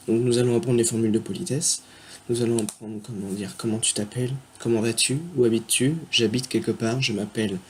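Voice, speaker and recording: A man teaching a beginner language lesson on video, talking unscripted, spelling words out slowly and stopping often to hesitate. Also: mid-range voice, darkish tone. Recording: faint background noise.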